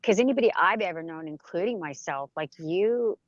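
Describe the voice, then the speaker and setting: A woman's voice: fairly low pitch, lively intonation, fairly quick, dry recording. A woman calling in over her car's Bluetooth from a parked car, chatting casually with a rambling, filler-filled way of talking. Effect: car Bluetooth phone call audio. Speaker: caller joining a livestream. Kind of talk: casual chat. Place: parked car in a school parking lot. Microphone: car Bluetooth hands-free. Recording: dull lo-fi call line, dry.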